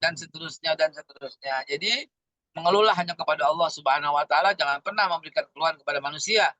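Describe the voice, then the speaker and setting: A man preaching in an animated, slangy way with speech, firing off rhetorical questions. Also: fairly high pitch, fast, no room sound. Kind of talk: sermon.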